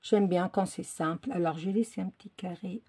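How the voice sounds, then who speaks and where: A woman's voice: on the low side, fairly quick, warm tone, husky. A woman from France hosting a casual card-making tutorial at home, rambling with many fillers and restarts as she talks to herself while she works. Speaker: crafting video host. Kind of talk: casual crafting tutorial chat. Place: home, indoors. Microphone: phone or camera filming her work table.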